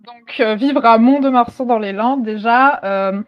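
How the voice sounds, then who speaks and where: A woman's voice: a little high, a little slow, no room sound. Hesitant young woman on a bad mic. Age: young adult. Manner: hesitant, many fillers. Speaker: guest on call. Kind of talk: casual chat over voice call. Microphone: poor-quality voice-chat mic. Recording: dull, dry voice-chat audio.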